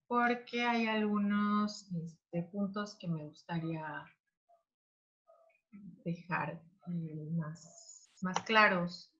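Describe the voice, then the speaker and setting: Slow, hesitant woman teaching online. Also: lowish voice, fairly even intonation, a bit bright, muffled recording. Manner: slow, hesitant with many fillers. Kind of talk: online class lecture.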